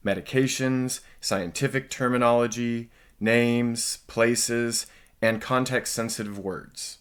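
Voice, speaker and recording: A man giving a scripted narration of a software demo as its presenter. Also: on the low side.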